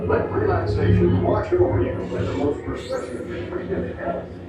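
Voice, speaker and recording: Animated space resort pitchman. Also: brisk. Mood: enticing. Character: smooth-selling male space resort pitchman. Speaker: commercial announcer. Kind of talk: scripted advertisement parody. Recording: echoey distant speakers under loud music.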